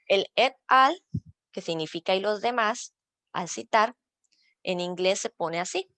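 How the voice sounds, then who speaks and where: A woman's voice: mid-range voice, expressive, unhurried, bright, forceful tone, dry recording. A woman from Rica, a librarian patiently explaining citation rules step by step in an online workshop. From Costa Rica. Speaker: librarian teaching citation style.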